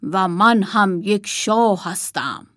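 A woman voicing a self-important bearded toy king who speaks slowly. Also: mid-range voice, fairly bright tone, no room sound, studio quality, close to an everyday voice. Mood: vain.

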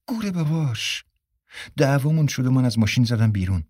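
Stubborn young wife read by a male narrator: raised pitch, insistent, dry audiobook read. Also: expressive, a little mellow, no room sound, close to an everyday voice. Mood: defiant. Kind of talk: audiobook character reading.

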